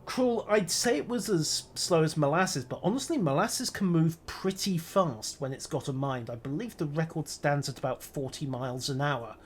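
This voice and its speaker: A man streams a naval battle game, talking himself through each move with dry, wry, muttering asides in a live gameplay commentary. His voice is a little high, his pace moderate with hardly any pauses, and there is a little hiss or hum.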